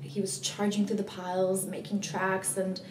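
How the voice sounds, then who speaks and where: An actress plays a young woman in recovery, grieving and full of remorse, confessing in a naturalistic dramatic monologue. Her medium-pitched voice moves haltingly, with pauses. It is recorded at a distance in an echoey room. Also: completely flat delivery, darkish tone, slight background noise, natural voice. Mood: subdued, confessional. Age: young adult. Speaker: actor performing a monologue. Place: small plain room indoors.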